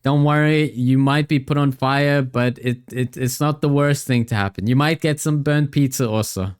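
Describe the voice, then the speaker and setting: A chatty man streaming from home, talking straight into a livestream headset mic. His voice sits at a medium pitch and comes through smooth and clean. He rambles cheerfully between viewer shout-outs. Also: normal speed. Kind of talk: casual stream chat thanking viewers.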